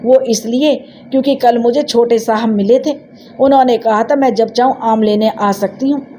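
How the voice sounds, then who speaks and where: A woman's voice: a little high, steady tone, moderate pace, dark tone, a little hiss or hum, close to an everyday voice. A woman doing a cheeky, headstrong village girl. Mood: eager. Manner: coaxing, cheeky. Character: lively teenage village girl, playful and headstrong.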